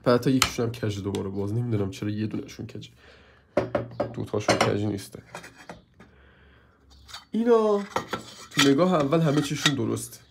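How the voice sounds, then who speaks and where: Hoarse from a cold, a man with a fairly low voice grumbles while reviewing something he bought in a casual hands-on video, repeatedly asking viewers to help. Heavy background noise runs under the recording.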